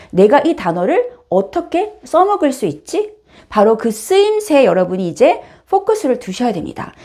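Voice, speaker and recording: A woman giving an online English lesson, with a fairly high voice that swoops up and down. She speaks directly to her viewers and stresses her points in a teacherly way. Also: darkish tone.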